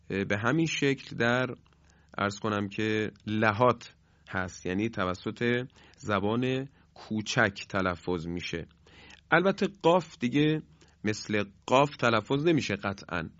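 A man of middle pitch gives a careful pronunciation lesson. He explains slowly and steadily, then voices each example sound with force. The recording is dry and a little muffled. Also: fairly bright tone, no room sound. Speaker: teacher of Quranic pronunciation. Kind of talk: instructional explanation with demonstrations.

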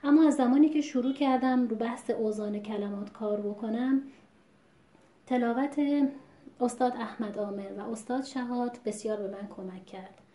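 A woman teaching Quran recitation in a measured, patient lesson, stopping to sound out words as examples. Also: a little high, steady tone, warm tone. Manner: measured, patient, demonstrates pronunciations aloud. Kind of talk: explanatory lesson. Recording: echoey room.

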